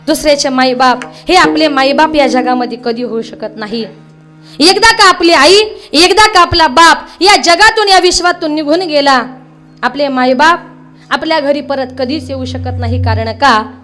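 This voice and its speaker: A woman preacher telling a devotional story in a kirtan, in an animated voice that breaks into sung verses. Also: sits high. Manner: animated storytelling, rising into song.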